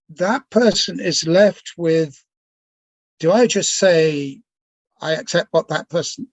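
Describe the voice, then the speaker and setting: A man giving a thoughtful answer in an online discussion, measured and deliberate, pausing mid-phrase. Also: fairly high pitch, dry recording. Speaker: speaker answering questions. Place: video call.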